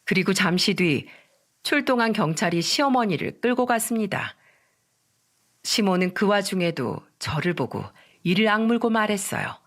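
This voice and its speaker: Woman storyteller, scripted narration, indignant, emphatic, middle pitch. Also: lively intonation, normal speed.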